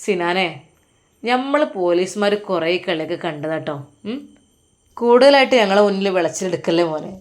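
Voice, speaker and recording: A woman's voice: on the low side, lively intonation, close to an everyday voice. A woman voicing a bossy male police officer in a told story, talking brusquely and mockingly. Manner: brusque, taunting, quick.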